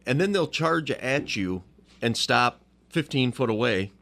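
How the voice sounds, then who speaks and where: A man's voice: mid-range voice, animated, a little slow, creaky, sharp tone. A man hosting a radio talk show, easygoing, often answering with a short "yeah". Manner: easygoing, with frequent "yeah" backchannels.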